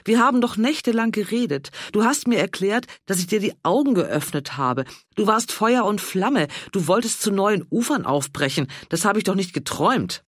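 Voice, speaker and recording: A man voicing a brash, bossy older woman in an audiobook, loud and emphatic, coaxing one moment and scolding the next. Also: mid-range voice, animated, moderate pace, few pauses, dry recording, studio quality, voice pushed up, natural voice. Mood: indignant. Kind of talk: audiobook character voice.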